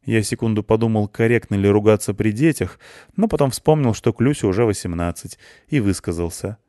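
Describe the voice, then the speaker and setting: A man with a low voice narrates a first-person audiobook in a wry, matter-of-fact way. The recording is dry and close, with no room sound at all. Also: brisk, mellow, no room sound.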